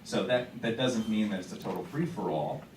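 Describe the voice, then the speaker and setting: This theater director's voice is fairly low, animated, and moderately paced as he talks casually to the audience before the performance, often restarting and filling pauses. The auditorium is echoey and noisy, and his held microphone is picked up from a distance.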